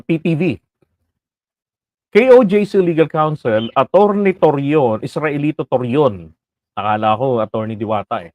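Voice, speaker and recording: A man's voice: on the high side, no echo. Chatty Filipino man commentating. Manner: chatty, rhetorical, mixes English phrases, laughs often. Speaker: livestream political commentator. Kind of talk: casual political commentary.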